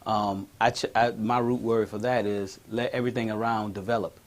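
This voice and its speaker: Laid-back low-voiced man from South Carolina. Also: fairly even intonation. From South Carolina, raised in Naples, Italy. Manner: easygoing, laughs often, halting with fillers. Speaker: guest. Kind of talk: radio interview answers.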